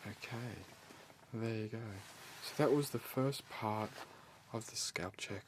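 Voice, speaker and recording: Softly spoken man in ASMR role-play, noisy recording. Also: on the low side. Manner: soft, soothing, reassuring, unhurried instructions. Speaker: ASMR performer playing a scalp-check examiner.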